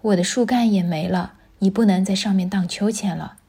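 A woman voicing a gentle, loving tree in a children's storybook reading, speaking softly and tenderly. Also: mid-range voice, brisk, gravelly, husky. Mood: apologetic.

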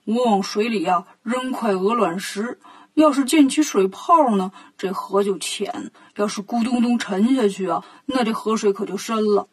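A woman's voice: medium pitch, normal speed, breathy edge, voice pushed down. A woman voicing a greedy, boastful male pig-monk disciple in a children's story, with a folksy drawl.

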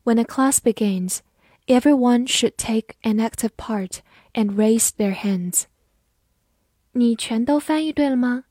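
A woman teaching English vocabulary, saying each word twice and then giving its part of speech and meanings in a measured, lesson-style delivery. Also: a little high, mellow, no echo, studio quality. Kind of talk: slow vocabulary review lesson.

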